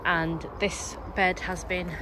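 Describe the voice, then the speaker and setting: Out on her allotment, a woman vlogs a casual walk-through, explaining her work in a chatty manner with a low-ish, level voice and slow pace. Wind and a strimmer can be heard in the noisy outdoor recording.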